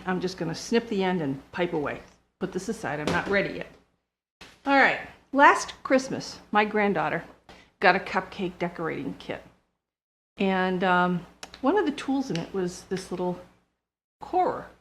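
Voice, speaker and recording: A woman's voice: lowish voice, fairly bright tone. An older woman, a home baker, talking casually and step by step through a cooking demonstration in her kitchen. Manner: chatty, homespun, explains step by step. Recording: noisy recording with clicks.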